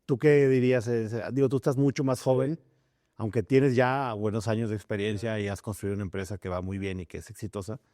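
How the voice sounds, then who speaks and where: Male host, low warm voice. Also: fairly even intonation, a little fast, no echo, studio quality. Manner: conversational, rambling questions with restarts. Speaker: podcast host. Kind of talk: casual interview conversation.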